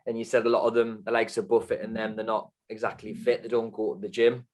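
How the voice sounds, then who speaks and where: Fast-talking male interview host. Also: lowish voice, flat delivery, a little mellow. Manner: friendly, jumps in with questions. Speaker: podcast host. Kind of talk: casual interview chat.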